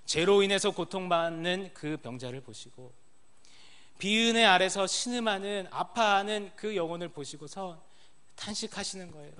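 A pastor in his thirties tells his sermon as a story. At the close of each sentence, his voice drops low and quiet.

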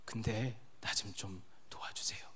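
A man's voice: medium pitch, brisk, a bit bright, a little hiss or hum, natural voice. A preacher voicing a frightened deaf man who begs for help, his voice dropping to a whisper. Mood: pleading, frightened. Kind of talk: sermon.

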